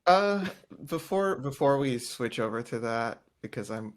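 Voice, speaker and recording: A man's voice: mid-range voice, a little slow. A man co-hosting a casual podcast, recapping a reality show and acting out quotes in voices. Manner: animated, acts out quotes in voices. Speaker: podcast co-host.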